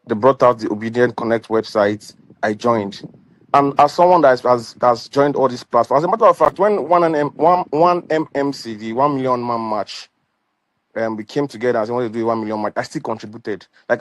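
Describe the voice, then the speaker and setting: A man's voice: medium pitch, brisk, no room sound. A man speaking with a dental retainer, rambling and restarting as he talks in an online meeting. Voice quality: slightly muffled speech from a dental retainer. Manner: rambling, repeats words and restarts. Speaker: caller. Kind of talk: casual online meeting talk.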